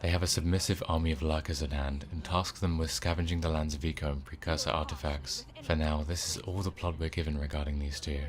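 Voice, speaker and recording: Very deep-voiced man narrating a game retrospective. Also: little pitch movement, fast talker, hardly any pauses. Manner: informal, wry, sweary. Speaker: video game reviewer.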